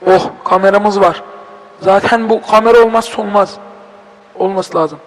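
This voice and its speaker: A young man with a Turkish accent commenting on a horror game as he plays, joking, swearing and breaking into panicked shouts. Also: sits high, fairly even intonation, normal speed, in a large hall, poor audio. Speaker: gaming video host.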